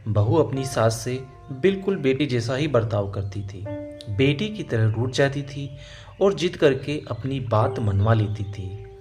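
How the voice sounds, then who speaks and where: A man narrating a scripted family story in a steady, clear reading voice. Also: medium pitch, a little slow, soft background music.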